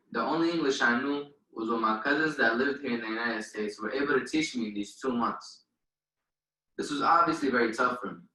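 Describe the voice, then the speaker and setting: A man's voice: medium pitch, sharp tone, roomy sound, distant mic, rough recording. A young man from Palestine, a native Arabic speaker, giving an earnest, formal valedictorian speech at a graduation. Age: young adult. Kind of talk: commencement speech.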